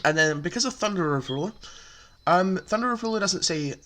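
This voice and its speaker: A man's voice: high-pitched, lively intonation, fairly quick, pushed and bright. A man casually walking through a card game deck, chatty and full of fillers, explaining step by step. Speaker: deck profile presenter.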